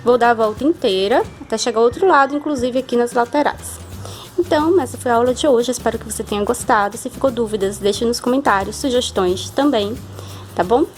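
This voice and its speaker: Over soft background music, a Brazilian woman with a slightly high voice talks a bit fast while teaching a hand-sewing craft. Her Brazilian Portuguese accent is clear, and she guides the viewer patiently step by step, checking in often.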